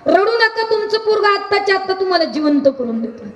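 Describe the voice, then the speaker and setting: A woman's voice: extremely high pitch, sing-song, fast talker, pitched above the performer's own voice. A woman voicing an old male wandering holy man who insistently tells a grieving family to stop crying. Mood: soothing, insistent. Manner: insistent, repeating himself. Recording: echoey hall.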